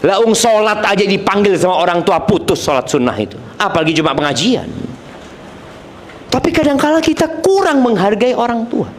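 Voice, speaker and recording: A man's voice: high voice, sing-song, a little fast, slight background noise. A male preacher giving a sermon. He recites Arabic verses and explains them in plain everyday speech, repeating key phrases for emphasis and acting out other people's voices. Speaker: Islamic preacher.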